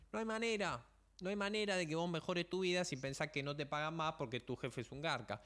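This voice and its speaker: A man's voice: fairly high pitch, a bit bright. A young man with a Rioplatense Spanish accent, hosting a motivational podcast in a blunt coaching tone full of slang and rhetorical questions. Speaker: podcast host.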